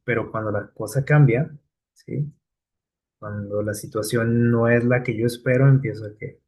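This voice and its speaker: A man's voice: medium pitch, fairly even intonation, moderate pace, darkish tone. Male preacher, talky sermon style with plenty of "este" and "¿sí?" checks. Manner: conversational, many "este" fillers and tag questions.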